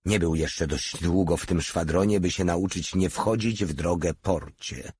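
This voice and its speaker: A man narrating an audiobook in a measured, steady reading. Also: low voice, slightly rough. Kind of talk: scripted narration.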